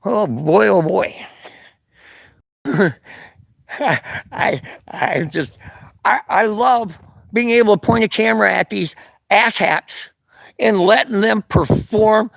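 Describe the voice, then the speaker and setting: A man's voice: high-pitched, slow, vocal fry, long pauses, fairly bright tone, no echo. A man livestreaming outdoors from a street corner with a handheld camera, ranting angrily and profanely between sarcastic chuckles while reading chat comments. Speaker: livestreamer filming local police. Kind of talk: live-streamed rant reading chat comments.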